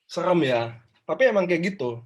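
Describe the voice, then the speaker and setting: Husky man, fairly high voice, lively and emphatic, online workshop speaker on a call mic. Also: fairly quick. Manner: animated, informal, emphatic. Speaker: motivational speaker. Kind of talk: online motivational workshop talk. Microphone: video call.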